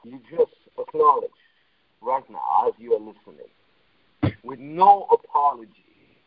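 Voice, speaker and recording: A man's voice: medium pitch, gravelly. Give me a muffled man on a phone line, as if heard through a wall. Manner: emphatic, blunt, swears for emphasis. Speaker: dating coach hosting a conference call. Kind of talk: motivational teaching monologue.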